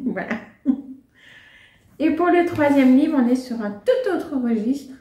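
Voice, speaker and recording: A woman's voice: high-pitched, lively intonation, slow pace, dark tone, echoey room. A woman chatting casually about favourite books and finds, with many fillers and frequent laughs. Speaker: book and lifestyle vlogger. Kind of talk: casual chat, reviewing favourites.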